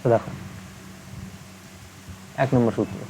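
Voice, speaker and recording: A young man gives a recorded maths lesson in a soft, mellow voice. He explains patiently and keeps asking whether the listener has understood. A faint noise runs under the recording. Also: mid-range voice, steady tone, a little slow, low-quality recording. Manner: patient, asks many check-in questions. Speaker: maths teacher.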